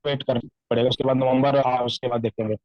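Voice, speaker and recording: A man's voice: medium pitch, little pitch movement, fast talker, no echo. A man on a video call, politely asking his instructor about his trade, his voice breaking up over a bad connection. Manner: polite, keeps calling the instructor sir. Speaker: webinar participant asking questions. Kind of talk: online Q&A with the instructor. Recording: dull lo-fi online call audio.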